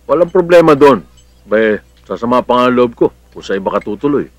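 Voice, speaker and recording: A man's voice: mid-range voice, animated, fairly quick, dry recording, natural voice. An actor playing a protective, hot-headed middle-aged policeman uncle in a Filipino film drama, with a Filipino accent and a blustery, affectionate manner. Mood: relaxed, friendly. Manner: blustery, scolding yet affectionate.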